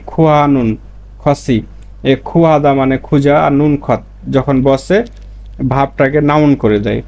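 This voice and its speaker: A man's voice: mid-range voice, a little mellow. A man teaching Korean grammar, explaining each word and then repeating it in his own language. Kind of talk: explaining lessons.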